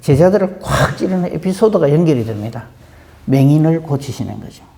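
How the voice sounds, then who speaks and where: A woman pastor delivers an early-morning sermon, her mellow voice rising and falling with rhetorical questions. The sound carries the long reverb of a church sanctuary. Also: sits low, a little fast, vocal fry. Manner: animated, rhetorical questions, acts out quotes.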